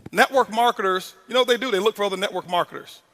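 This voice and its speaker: A man giving a motivational talk on stage, animated and teasing the audience with call-and-response questions, in a large hall. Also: high-pitched, rapid-fire. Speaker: motivational speaker.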